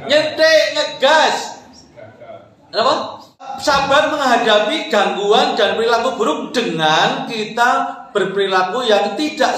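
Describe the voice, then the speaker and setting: A man's voice: very high-pitched, bright, forceful tone. A man with a Javanese accent preaching a sermon in a mosque, questioning the congregation and jokingly mixing in English words. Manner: questions the congregation, calling them sir and ma'am. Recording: very echoey mosque hall.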